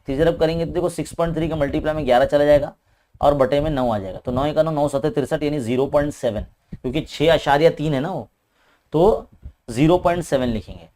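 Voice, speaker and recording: Fast-talking man teaching maths. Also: on the high side, a little mellow. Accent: Indian Urdu-speaking. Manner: explains step by step, often adds a questioning "hai na"; talks quickly. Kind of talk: paper-solving lesson.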